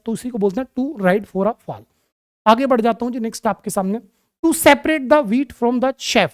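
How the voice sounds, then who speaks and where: A man teaching an exam-prep English vocabulary lesson in a mix of Hindi and English. He talks to his students fondly, calling them "my child", and spells words out slowly, letter by letter. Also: extremely high pitch, no room sound, clean studio sound. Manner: affectionate, calls students "my child" and "beta".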